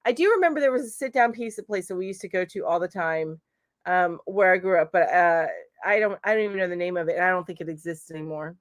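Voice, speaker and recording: Streaming live from home, a middle-aged crochet channel host chats while reading out viewer comments, filling her replies with frequent fillers. She has a fairly low voice and talks fast, and the recording is clean, studio-grade, and echo-free.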